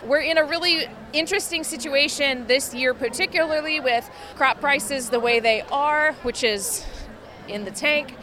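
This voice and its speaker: A woman's voice: high-pitched, normal speed, crowd noise. A woman who does farm stress outreach, answering interview questions in an upbeat, earnest and optimistic way in a busy convention expo hall.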